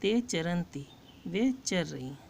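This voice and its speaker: A woman teacher with a low, gravelly voice. She takes the lesson at an unhurried pace, reading each line and then explaining it patiently. A faint hiss sits under the recording. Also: lively intonation, darkish tone. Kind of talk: slow line-by-line Sanskrit lesson with Hindi translation.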